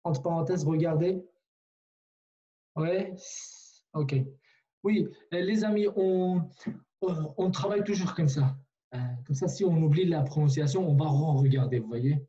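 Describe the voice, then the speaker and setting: Patient guy teaching a class over a video call, slow and mellow, dull lo-fi sound. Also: a little high. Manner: patient, repetitive, many fillers and restarts. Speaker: language teacher. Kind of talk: online language lesson.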